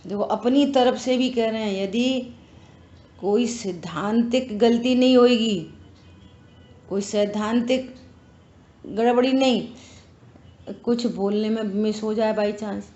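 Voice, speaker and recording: Earnest woman scripture teacher, slightly high voice, unhurried, dull echoey room recording. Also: mellow. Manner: slow, earnest explaining with rhetorical questions. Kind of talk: religious scripture class.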